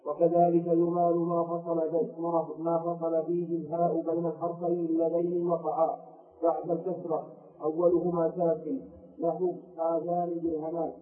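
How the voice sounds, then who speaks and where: Flat-voiced man reading from far off. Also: fairly high pitch, normal speed. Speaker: student reading the text aloud. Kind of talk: reading verse and commentary aloud. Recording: distant, echoey, phone-like audio.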